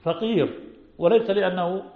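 A man's voice: high voice, moderate pace. A man, a religious scholar, answering listeners' questions in a lesson and repeating key phrases for emphasis. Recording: echoey, phone-like lo-fi sound.

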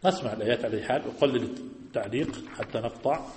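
A man teaching a lesson on scripture, explaining it step by step and putting questions to his listeners. His voice is of middle pitch. The sound rings with a long hall reverb. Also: very fast, a little mellow, a little hiss or hum. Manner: explaining, asks students questions. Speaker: teacher of Quran commentary.

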